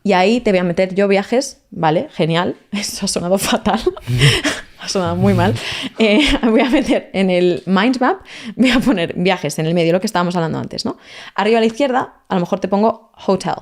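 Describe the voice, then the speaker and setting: Lively woman teaching languages. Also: mid-range voice, normal speed. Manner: lively, explanatory, mixes in English words. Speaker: language teacher, guest expert. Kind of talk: podcast interview, explaining.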